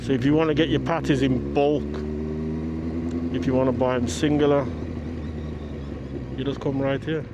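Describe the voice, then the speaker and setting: A man's voice: medium pitch, fairly even intonation, moderate pace, long pauses, dull audio. A British man chatting casually and slangily to viewers on a helmet mic while out on a motorcycle, often musing aloud to himself. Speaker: motovlogger. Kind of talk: casual vlog chat, talking to viewers while riding. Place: outdoors on a motorcycle in town. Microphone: microphone inside a motorcycle helmet. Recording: helmet mic with traffic and engine noise.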